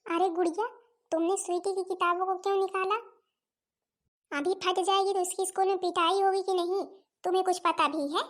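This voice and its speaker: A scheming, shrewish aunt in a cartoon, played by a woman, scolding and sarcastic in a very high, shrill voice. Her Awadhi accent colors every sharp remark. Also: little pitch movement, normal speed. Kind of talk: cartoon voice acting.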